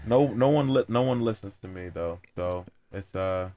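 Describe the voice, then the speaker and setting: A man's voice: on the low side, normal speed, dark tone, slight background noise. A man co-hosting a parenting podcast in casual chat, talking in slang and laughing often. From not the US. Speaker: podcast co-host.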